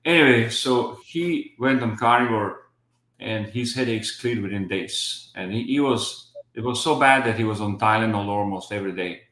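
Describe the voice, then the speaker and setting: A Croatian man in his fifties, with a Croatian accent, joins a casual livestream chat as a video call guest, rambling and often restarting his sentences. His voice is fairly low and a bit bright, at a moderate pace, in an echoey room.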